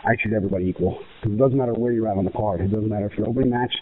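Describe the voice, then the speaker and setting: Through muffled audio that sounds narrow, like a phone or radio, an American man who wrestles professionally gives very fast interview answers in a fairly low voice. He is emphatic and self-assured, repeating phrases in runs.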